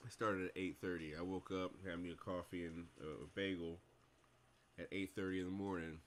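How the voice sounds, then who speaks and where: A man hosting a livestream, chatting casually and rambling, with humming pauses while he eats. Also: deep voice, level tone, slight background noise. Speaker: livestream host. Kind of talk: casual chat while working.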